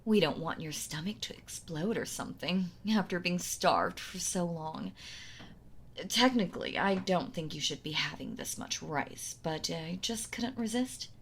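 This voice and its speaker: A woman with a fairly low voice and lively intonation plays a possessive yandere wife in an intimate audio roleplay, with slight background noise. She is slow, doting, coddling and condescending, sweetly menacing, punctuating lines with sighs and soft laughs.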